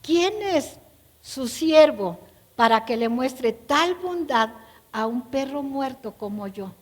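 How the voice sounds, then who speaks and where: A woman's voice: sits high, expressive, slow, long reverb tail, heavily acted. A woman voicing a lame, frightened young man who speaks timidly and humbly. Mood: ashamed. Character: lame young man, fearful and ashamed before a king.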